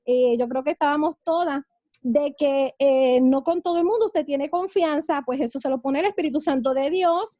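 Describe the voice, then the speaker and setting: A woman pastor leads a church seminary class in a fervent preaching manner, often breaking into amens. Her voice sits very high. The recording is dry and slightly muffled. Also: normal speed, dark tone, no room sound.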